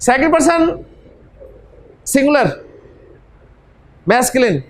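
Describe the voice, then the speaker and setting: A man teaches a grammar lesson. He repeats short pronoun forms in a steady chant and peppers his explanations with a polite "ji". He gestures with his hands as he talks. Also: very high-pitched, slow pace, slight background noise. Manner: drills pronouns in chanted repetition, says "जी" often. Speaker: Arabic teacher. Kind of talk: classroom-style grammar lesson.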